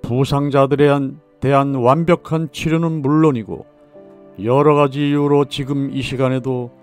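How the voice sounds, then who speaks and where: A man's voice: medium pitch, level tone, normal speed. Solemn male documentary narrator. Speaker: channel narrator. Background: faint background music.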